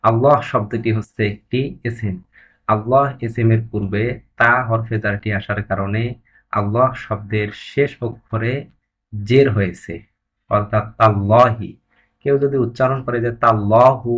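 A man teaching an online class, explaining step by step and repeating key terms, reciting examples slowly and loudly. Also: lowish voice, dull audio. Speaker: Arabic grammar teacher.

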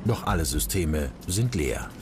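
A man reading scripted documentary narration in a measured, serious way. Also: rumbling low, sing-song. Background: loud music.

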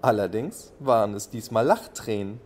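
A man narrating a children's bedtime audio play in a calm, gentle storytelling manner. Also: lowish voice, moderate pace, a little hiss or hum.

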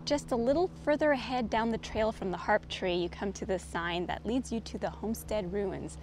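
A middle-aged woman vlogging her walk on a forest trail talks at a normal speed in a mid-range, slightly mellow voice. She's easygoing and descriptive, pointing out sights as she walks. Faint outdoor noise surrounds her, and the handheld camera recording her is often at a distance.

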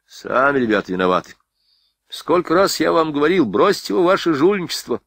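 Male narrator as calm stern soldier, dry close sound. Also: a little high, a little fast, creaky, no room sound, voice pushed up.

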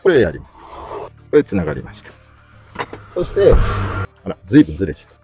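Middle-aged male host, casual DIY tutorial, lively pitch, grumbles while working. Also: normal speed, slightly rough, dull audio, faint music behind. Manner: chatty, mutters complaints while working.

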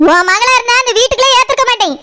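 A woman voicing a resentful middle-aged mother-in-law in a cartoon, speaking in a Tirunelveli Tamil accent with fast, accusing tirades. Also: very high voice, pushed and bright, dry recording, clean studio sound. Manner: accusing, rapid angry tirades.

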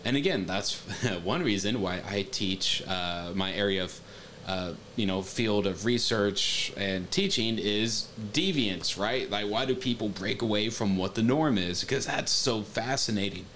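A man's voice: lowish voice, unhurried, a bit bright, slight background noise. A man on a webcam stream reacting to a games showcase in casual, hesitant talk full of fillers and restarts. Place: home room, seated at webcam.

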